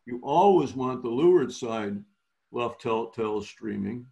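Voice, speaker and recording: Male instructor, mid-pitched, explanatory, self-correcting, on a video call. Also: lively intonation, measured pace, gravelly, dark tone. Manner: explanatory, restarts phrases often. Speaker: sailing clinic instructor. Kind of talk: virtual clinic teaching.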